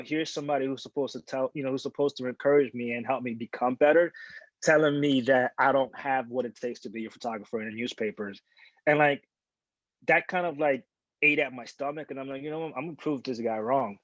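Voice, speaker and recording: Man in his 40s, photojournalist, candid panel talk, average pitch, muffled dry video-call audio. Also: no room sound. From born in Dominican Republic, grew up in New York. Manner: relaxed and candid, with many fillers and restarts. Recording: dull lo-fi sound, dry.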